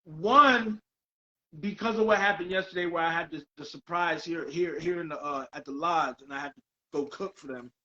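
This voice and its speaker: A middle-aged man hosting a casual interview over a video call, excitable, exclaiming and repeating himself. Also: on the high side, normal speed, lo-fi sound. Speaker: podcast host.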